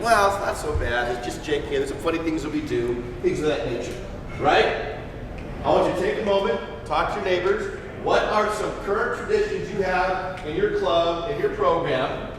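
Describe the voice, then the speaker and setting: A man leading an interactive session with students, lively and asking the audience questions. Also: a little high. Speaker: workshop leader. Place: large event hall. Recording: echoey hall from far off, noisy.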